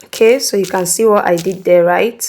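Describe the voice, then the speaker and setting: Lady explaining an app step by step, warm mellow voice, keeps asking "okay?". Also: mid-range voice, moderate pace. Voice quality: instructive, repeats "okay?" to check in. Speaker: tutorial host. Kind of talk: screen-recording tutorial.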